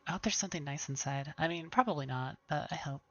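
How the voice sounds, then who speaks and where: A woman's voice: low-pitched, fast, a bit bright. A woman streamer giving casual, wry, self-deprecating commentary while playing a game. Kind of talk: casual let's-play commentary.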